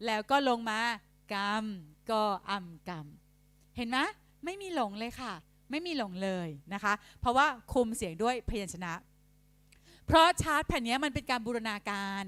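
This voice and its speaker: A woman trainer speaking politely to teachers, sounding out letters and syllables slowly to demonstrate. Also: fairly high pitch, lively intonation, no room sound. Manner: polite, frequent soft tag particles. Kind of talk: instructional talk to teachers.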